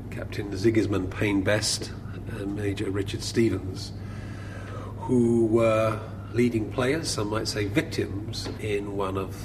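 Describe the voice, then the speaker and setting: A man explaining historical objects and events for a documentary in a deliberate, explanatory manner. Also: fairly low pitch. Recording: background noise.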